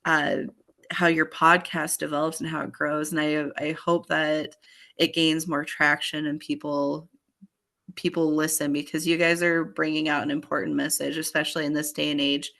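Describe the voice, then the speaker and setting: Hoarse, chatty low-voiced woman. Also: level tone, moderate pace, a bit bright. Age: 30s. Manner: upbeat, chatty, rambling with restarts. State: hoarse, voice failing. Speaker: guest. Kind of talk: casual chat.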